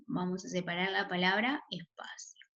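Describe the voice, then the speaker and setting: A woman's voice: lowish voice, fairly even intonation, moderate pace, sharp tone, muffled recording. A woman teacher walks children through a spelling lesson, often checking in with a questioning "¿sí?". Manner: checks in with a questioning "¿sí?" after each point.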